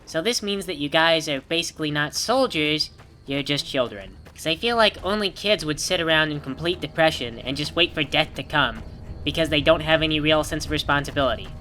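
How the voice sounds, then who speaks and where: A woman's voice: low voice, animated, brisk, a bit bright. A woman hosting a rambling video game commentary in a wry, sarcastic manner. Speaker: gaming video host.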